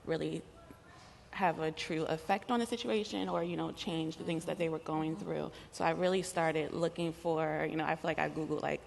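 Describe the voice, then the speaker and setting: A young woman panelist telling her story thoughtfully, hedging with "I guess" and pauses. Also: low-pitched, steady tone, gravelly, a little hiss or hum. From Maryland, United States. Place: conference hall. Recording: roomy hall, faint ambience.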